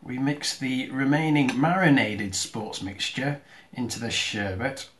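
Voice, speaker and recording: Man, casual food tasting host, mid-pitched voice, chews while talking, hesitant. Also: unhurried, fairly bright tone, a little hiss or hum. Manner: talks while eating, with mouth full; hesitant, restarts and fillers while chewing. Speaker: video host.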